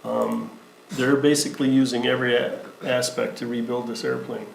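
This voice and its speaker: A man speaking at a school board meeting, halting with many fillers, sometimes moved. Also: mid-range voice, steady tone, gravelly. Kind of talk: meeting remarks. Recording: echoey meeting room, faint noise.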